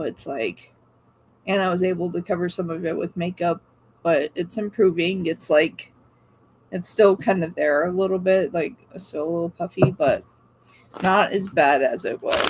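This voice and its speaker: Chatty woman hosting a slow live stream. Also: lowish voice, slight background noise. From Oregon. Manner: chatty, greets viewers by name, laughs often. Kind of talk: casual live-stream chat.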